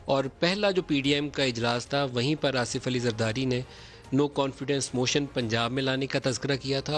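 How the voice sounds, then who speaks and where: A man hosting a political talk show, delivering emphatic, declamatory commentary from a TV studio. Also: mid-range voice.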